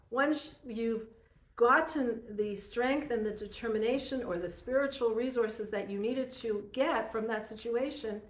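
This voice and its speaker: Earnest woman teaching a Torah class. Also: fairly high pitch. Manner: earnest, animated storytelling to a group. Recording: roomy echo.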